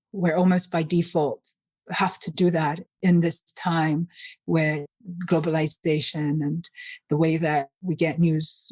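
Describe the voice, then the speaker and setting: Woman guest, low husky voice, flat, thoughtful measured delivery, dry close sound. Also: no echo. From Finland, raised in Nigeria. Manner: thoughtful, measured, with some restarts. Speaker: guest author. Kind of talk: reflective interview talk.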